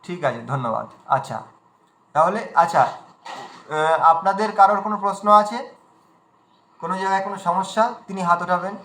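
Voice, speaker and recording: A man teaching recitation in an online class, patiently drawing out words very slowly to demonstrate and often checking that students follow. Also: high voice, a bit bright, echoey room, low-quality recording. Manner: often checks understanding with a question. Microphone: video call.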